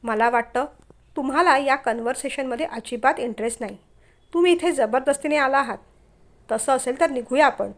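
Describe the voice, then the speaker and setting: A woman's voice: high-pitched, brisk. A woman reading the lines of a touchy young man on an arranged-match meeting, in a lecturing, irritated way. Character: young man, bank clerk, touchy suitor.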